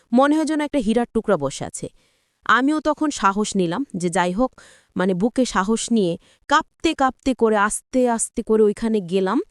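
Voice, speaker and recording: A woman's voice: a little high, smooth, dry recording, studio quality. A woman narrating a first-person story earnestly, with small hesitations.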